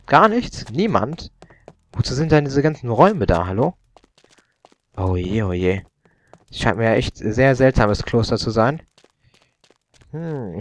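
A young man doing casual gaming commentary, grumbling and swearing as he plays. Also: mid-range voice. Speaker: let's player.

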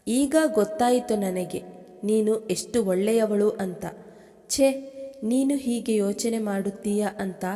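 A woman's voice: mid-range voice, measured pace, mellow, big-room sound, close to an everyday voice. A woman voicing a stern, accusing mother-in-law who scolds sharply.

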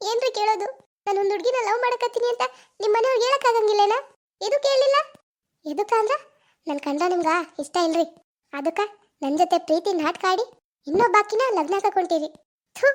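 A voice actor playing a betrayed young village woman with a North Karnataka Kannada accent in a cartoon, sobbing and pleading. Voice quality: very high, sobbing pleas. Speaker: lover. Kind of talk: cartoon voice acting.

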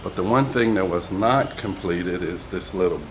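Speaking at a normal speed in a low-pitched voice, a man chats his way through a walking tour of his two-story house, stepping out onto a balcony at times. The recording comes from a phone camera held in his hand as he walks, with background noise throughout.

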